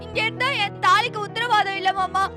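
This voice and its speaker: An actress playing a dramatic young wife who wails and complains melodramatically in a TV serial. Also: female voice, extremely high pitch, fairly even intonation, fairly quick. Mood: wailing. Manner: melodramatic, wailing comic complaints. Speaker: daughter-in-law. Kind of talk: TV serial acting. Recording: TV serial soundtrack with loud music.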